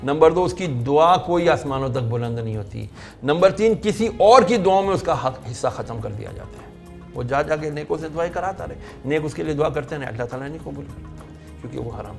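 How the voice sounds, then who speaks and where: Creaky-voiced man telling a religious story. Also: a little high, lively intonation, a little mellow, soft background music. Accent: Pakistani Urdu. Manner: narrates at length, acting out the people in his stories. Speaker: religious scholar guest.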